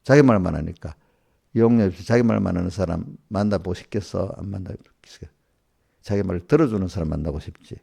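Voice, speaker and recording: A male pastor lectures a small group, firing off rhetorical questions in a scolding tone. His voice sits low and gravelly, with a dark, mellow timbre. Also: fast talker. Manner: scolding, asks one rhetorical question after another. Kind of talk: small-group sermon addressing congregants directly.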